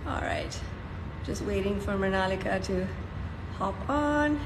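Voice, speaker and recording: A woman's voice: medium pitch, measured pace. A woman hosting an online interview, upbeat and enthusiastic as she introduces and questions her guest. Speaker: host. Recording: echoey room with background noise.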